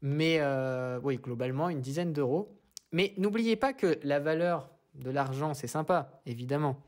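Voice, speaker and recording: A man's voice: a little high, animated, moderate pace. A man with a French accent, hosting a casual screen-share tutorial and talking through each step in a chatty way. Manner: chatty, walks through steps with "hop" and "voilà". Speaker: YouTube host.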